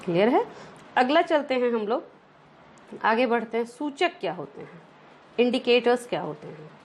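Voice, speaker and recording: A woman's voice: on the high side, animated, normal speed, a little hiss or hum. A woman teaching a science lesson over slides, often checking in with rhetorical questions and mixing English terms into her explanations.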